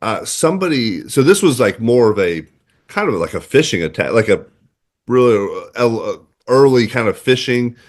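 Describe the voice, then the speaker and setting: A man co-hosting a sports podcast, who tells stories in a lively, chatty way. His pitch swings widely and he leans on filler words. It sounds like easygoing talk between friends. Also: moderate pace. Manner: animated storyteller, many "like" fillers. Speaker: podcast co-host. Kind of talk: casual sports chat.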